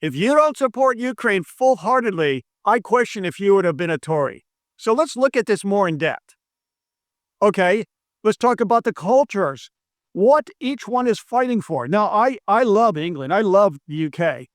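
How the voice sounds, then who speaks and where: Here a US monetary economist makes his case to camera in an indoor space of brick and stone, presenting a video lesson. His somewhat high voice is expressive and moves at normal speed, captured close and dry without echo. He keeps returning to the same argument, repeating key claims with emphasis and fumbling foreign names.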